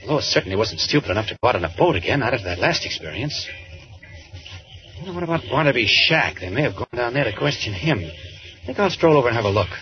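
An actor playing a mild, polite but persistent reporter in a radio drama, questioning hesitantly or thinking aloud. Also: male voice, mid-range voice, big pitch swings, fast, a little hiss or hum, natural voice. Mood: puzzled, musing. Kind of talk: 1940s radio acting. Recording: muffled vintage radio recording.

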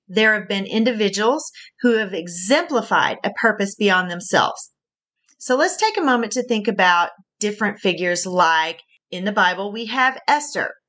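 A woman's voice: medium pitch, fairly bright tone. Encouraging Southern woman podcast host. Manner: earnest, encouraging, laughs at her own slips. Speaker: podcast host and career coach. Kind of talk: faith-based podcast monologue.

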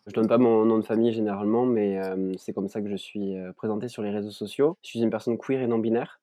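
A man in his twenties with a southern French accent, talking as a podcast guest. His voice is warm and mellow, recorded close and dry. He reflects on his experiences at an unhurried pace, often pausing and restarting. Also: lowish voice, no echo. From southern France, Ariège. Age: 20s. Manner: thoughtful, many fillers and restarts. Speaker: guest, content creator. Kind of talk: reflective conversational storytelling. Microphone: remote recording.

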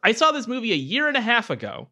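Man, lively swooping delivery, bright forceful tone, casual joking banter. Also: extremely high pitch, quick pace. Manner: crude, joking. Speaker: podcast guest. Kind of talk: casual comedic chat.

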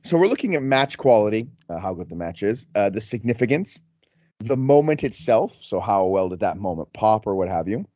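A man with a fairly low voice co-hosts a podcast in loose, casual talk. His intonation swings widely as he rephrases his thoughts, in a dry, slightly muffled recording. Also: a little mellow, no echo. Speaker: podcast co-host. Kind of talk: casual chat.

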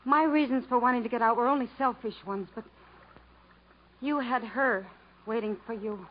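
An actress with a voice on the high side performs at a moderate pace, lightly acted, in 1950s radio drama style. She plays a worn-down, bitter, fatalistic woman fleeing through the jungle, sounding wistful, resigned, wry, and world-weary. The broadcast is muffled and hissy.

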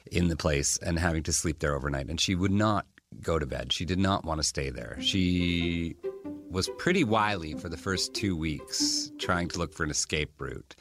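A man with a deep, low-pitched voice tells a personal story in a candid, conversational way, often dropping a wry aside. Soft music plays faintly beneath his words. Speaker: podcast host telling his mother's story.

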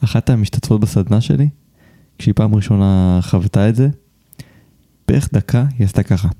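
A man hosting a podcast, reading a scripted intro in a measured, explanatory way and chatting casually with his guest. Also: on the low side, mellow, no echo. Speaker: podcast host.

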